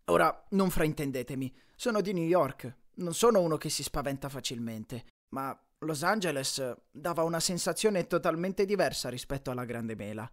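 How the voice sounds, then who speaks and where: Brief: expressive male storyteller reading a novel aloud, pitch moving a lot. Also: normal speed, hardly any pauses. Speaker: audiobook narrator. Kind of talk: scripted first-person audiobook narration.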